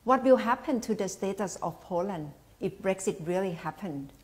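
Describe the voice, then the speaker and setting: A woman's voice: mid-range voice, lively intonation, moderate pace. A woman interviewer putting questions in a formal interview.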